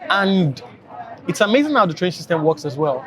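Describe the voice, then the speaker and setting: A man's voice: high voice, big pitch swings, moderate pace, a bit bright. A tired man with a Nigerian accent, chatting casually to camera as a travel vlogger, rambling with many fillers.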